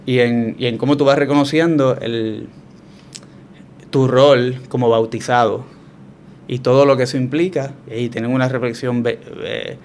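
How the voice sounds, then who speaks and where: A man's voice: mid-range voice, fairly even intonation, normal speed, darkish tone. Reflective Puerto Rican man, faint noise. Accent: Puerto Rican Spanish. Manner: reflective, hesitant with many restarts. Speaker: guest. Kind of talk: conversational testimony.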